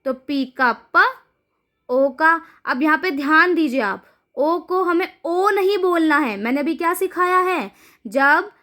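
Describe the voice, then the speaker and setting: High-voiced woman teaching children phonics. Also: fairly bright tone. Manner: patient, repeats questions and answers them herself; drawn-out spelling of letters.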